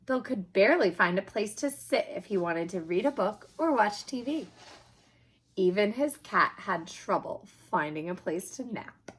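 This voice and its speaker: At a measured pace, a woman reads aloud from a children's picture book, her medium-pitched voice slightly husky and her storytelling expressive and emphatic.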